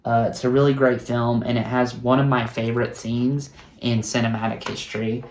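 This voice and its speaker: A man's voice: mid-range voice, little pitch movement, moderate pace, darkish tone, a little hiss or hum. A man talks casually about the films he just bought, recommending each one with earnest enthusiasm. His voice sits in a middle register and rings around a roomy, echoey home room. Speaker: guest showing his film haul. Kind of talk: casual film chat.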